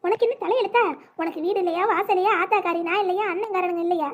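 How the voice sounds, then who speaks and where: A woman's voice: very high-pitched, rapid-fire. A woman voicing a bossy, doting older mother-in-law who scolds and gives orders in a cartoon family drama. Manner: scolding, commanding. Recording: dull lo-fi audio.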